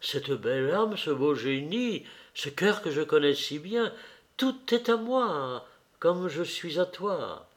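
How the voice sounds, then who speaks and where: A male reader voicing a young woman in love, tender and rapturous, in a slowly read audiobook. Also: on the high side, expressive. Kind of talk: audiobook character reading.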